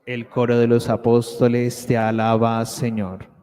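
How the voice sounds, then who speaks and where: A man, a cantor, singing the responses and a hymn in a smooth, sustained way, with cathedral echo around his voice. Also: medium pitch, completely flat delivery, unhurried, warm tone. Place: large church. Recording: long church-hall reverb with music.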